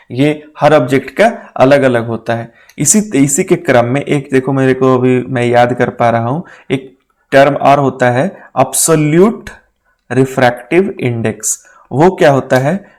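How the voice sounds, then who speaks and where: Hindi-English mixing physics teacher. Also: male voice, mid-range voice, darkish tone. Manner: casual, repeats "है ना?" often; mixes English terms into Hindi. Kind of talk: exam-prep lecture. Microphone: writing on a board while talking.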